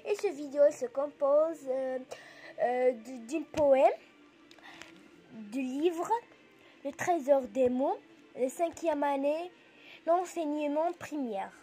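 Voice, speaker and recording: A woman teacher with a North African French accent leads a reading lesson. Her voice sits high, and she talks slowly and carefully. She stops often to point out commas and full stops to young pupils. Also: faint music behind. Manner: slow and deliberate, pausing to point out punctuation; reads poem lines louder and more emphatic. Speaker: primary school teacher.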